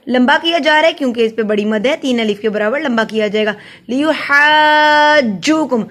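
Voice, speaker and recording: A woman's voice: a little high, fairly bright tone. A woman teaching Quran recitation rules in a patient, step-by-step manner, sounding out letters and explaining each one. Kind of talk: tajweed lesson, slow recitation then explanation.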